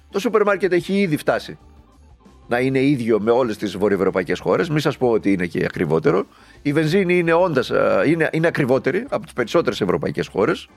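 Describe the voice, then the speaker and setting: Indignant, sarcastic man with a gravelly voice. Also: mid-range voice. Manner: sarcastic, indignant, heavy rhetorical questions. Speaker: political commentator. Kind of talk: impassioned political monologue.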